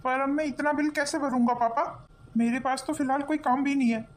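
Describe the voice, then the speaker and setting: A woman's voice: high voice, fairly even intonation, fairly quick, close to an everyday voice. A woman voicing a frustrated, jobless young husband in a cartoon family drama, complaining in an exasperated way. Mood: worried.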